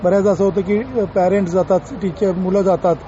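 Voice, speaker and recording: A senior education official, a man, explains things informally in an interview, mixing in many English terms. His voice is high, steady in tone, and warm, and he speaks at a quick pace. The interview audio is dull, with faint background noise.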